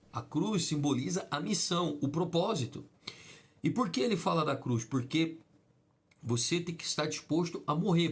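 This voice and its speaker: A man from Brazil delivers a sermon in a husky, slightly rough voice. He teaches patiently, posing questions to the listener and answering them himself, and circles back over each point. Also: a little high. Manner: teaching, repetitive, asks and answers his own questions. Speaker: preacher.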